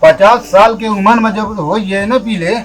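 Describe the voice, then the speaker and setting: A man's voice: high-pitched, unhurried, faint music behind, poor audio. A man playing a drunk, boastful, quarrelsome rural uncle in a comedy sketch, rambling and arguing with an Awadhi accent. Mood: boastful lecturing. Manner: drunken, rambling, argumentative talk. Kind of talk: village comedy sketch acting.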